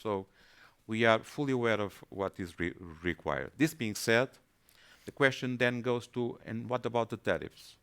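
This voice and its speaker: A man from Portugal, giving a webinar presentation, pausing and repeating words as he thinks. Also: mid-range voice, a bit bright, clean tone. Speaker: panelist.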